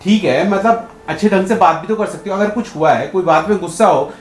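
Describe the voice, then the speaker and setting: A man's voice: high-pitched, a little fast, echoey room, faint music behind. A man arguing with his wife at home, repeatedly demanding to know what went wrong. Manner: argumentative, keeps asking what happened. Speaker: husband in a staged prank. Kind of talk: casual domestic argument.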